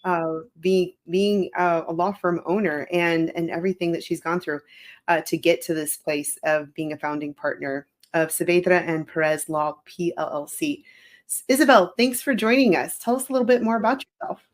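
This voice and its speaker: A woman's voice: on the low side, moderate pace. A woman hosting a podcast interview, talking enthusiastically and hesitantly with many fillers. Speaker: podcast host, immigration attorney. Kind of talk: casual interview.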